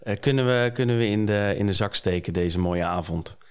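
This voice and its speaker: A Dutch man hosts a relaxed podcast chat, his voice sitting a little low. He keeps stopping and restarting, with plenty of fillers between his thoughts. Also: brisk, smooth. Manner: hesitant, many fillers and restarts. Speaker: podcast host.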